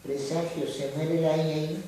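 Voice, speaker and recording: Man, student, questioning, mellow, slightly high, distant, echoey. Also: little pitch movement, normal speed. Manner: questioning, reads words aloud. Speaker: student in class. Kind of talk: classroom discussion. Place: classroom. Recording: echoey room, recorded from afar.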